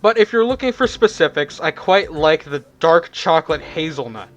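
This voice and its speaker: A man voicing a polite female demon in a measured, slightly formal manner, for a visual novel reading. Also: on the high side, lively intonation, soft background music, natural voice.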